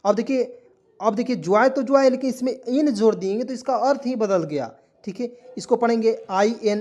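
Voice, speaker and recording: A man teaching English reading as a classroom-style lesson, spelling out letters, sounding words slowly and repeating them, often calling viewers his friends. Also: sits high, dark tone. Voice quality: repetitive, addresses viewers as friends. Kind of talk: Hindi-language phonics lesson.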